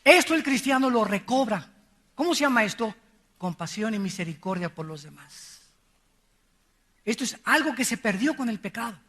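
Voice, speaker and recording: An older man preaching a sermon with a Mexican Spanish accent, telling stories and swinging from quiet asides to shouted peaks. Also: high voice, animated, moderate pace, long pauses. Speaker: pastor.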